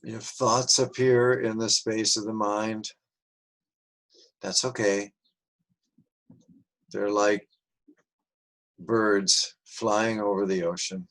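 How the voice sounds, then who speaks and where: Slow soothing male meditation guide. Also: on the low side, little pitch movement. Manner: slow, soft and soothing with long pauses.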